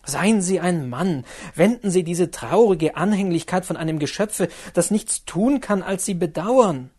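Guy doing an earnest young woman in a storybook reading, begging, slow, goes way up high. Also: lively intonation, a little mellow, slightly rough, exaggerated voice. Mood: pleading. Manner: imploring, rising to a high urgent pitch. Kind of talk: audiobook character reading.

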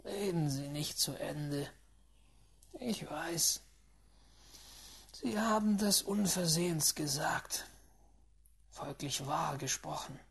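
Reader voicing a hushed, grave Englishman. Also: medium pitch, creaky, slightly rough, heavily acted. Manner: hushed, half-whispered, measured delivery. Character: reserved, earnest Englishman, grave and stern. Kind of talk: audiobook reading.

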